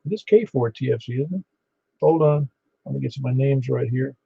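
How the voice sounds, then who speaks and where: A man working as a ham radio net controller, halting and easygoing as he takes an informal roll call. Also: mid-range voice, gravelly, mellow, slightly rough, no echo. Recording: dull band-limited ham radio audio.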